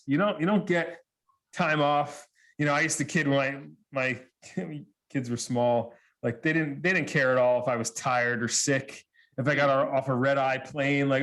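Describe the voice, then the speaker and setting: A man giving a talk, telling stories with quoted dialogue and frequent laughter. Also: mid-range voice. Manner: animated storyteller, acts out quotes, laughs often. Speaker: speaker. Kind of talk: storytelling presentation.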